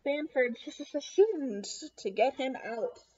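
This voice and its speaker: Reading a picture book to young children, this young woman is expressive, pausing for questions and little asides. Her voice is high, husky, and dark in tone, with lively intonation and a somewhat slow delivery. She's indoors in a small room at home, on dull, lo-fi webcam sound.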